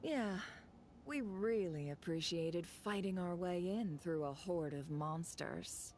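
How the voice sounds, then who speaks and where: A slow, sardonic adventurer. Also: female voice, on the low side, a little mellow, soft background music. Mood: sarcastic. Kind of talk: video game voice acting.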